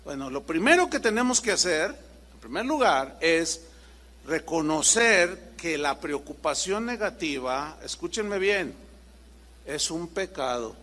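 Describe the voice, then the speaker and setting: Pastor, high bright voice, very lively sermon delivery, echoing church hall. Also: male voice, measured pace. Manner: lively, acts out little dialogues, rhetorical questions.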